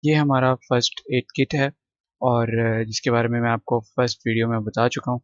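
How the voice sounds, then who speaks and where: A man teaching English vocabulary, reading synonyms in quick runs and checking in with short asides. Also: mid-range voice, little pitch movement, no room sound, muffled recording. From Pakistan. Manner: reads word lists in quick runs, adds short checks like "theek hai". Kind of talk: vocabulary lesson explaining words line by line.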